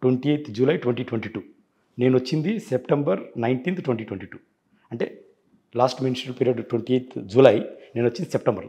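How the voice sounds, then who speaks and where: A man's voice: medium pitch, fast, warm tone. A man as an interview guest, telling his side insistently and acting out past phone calls. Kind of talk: rapid interview account.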